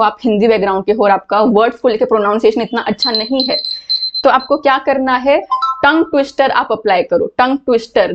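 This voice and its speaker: Higher-voiced woman teaching in a muffled recording. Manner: explains patiently, repeats words to model pronunciation. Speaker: English teacher. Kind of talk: online class lecture.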